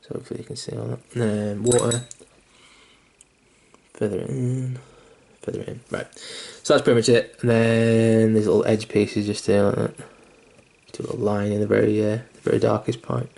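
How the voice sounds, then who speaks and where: A young man's fairly low, gravelly, darkish voice moves at normal speed with a flat delivery as he gives a casual miniature painting tutorial. It's a little rambling, with fillers, restarts and occasional swearing in a mildly self-deprecating, sweary manner. He's hiccuping.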